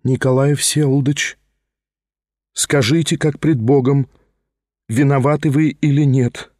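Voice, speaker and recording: A man's voice: mid-range voice, fairly even intonation, unhurried, a little mellow, dry recording, studio quality, lightly acted. A man voicing a distraught young noblewoman who pleads anxiously. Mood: pleading.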